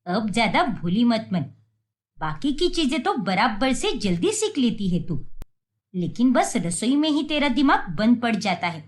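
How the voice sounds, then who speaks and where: A woman voicing a strict, sarcastic middle-aged mother in an animated story. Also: fairly high pitch, a little slow. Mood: scolding. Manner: nagging, sarcastic.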